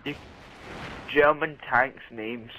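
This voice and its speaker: A man's voice: mid-range voice, slow, background noise. A man chatting and teasing his friend while playing a video game. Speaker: gamer. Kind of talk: casual gaming chat.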